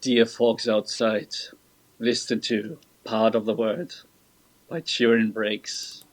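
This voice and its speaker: A man putting on a mellow lounge radio DJ voice while co-hosting a live fan stream. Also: fairly low pitch, flat delivery, takes it slowly, pitched below the performer's own voice, poor audio. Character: smooth-talking late-night lounge radio DJ man. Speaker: co-host.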